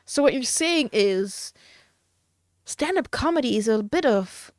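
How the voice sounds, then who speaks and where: A woman's voice: on the high side, expressive, no room sound, studio quality. A woman streamer chatting casually and giggling while she draws on stream. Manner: slow, musing, giggly.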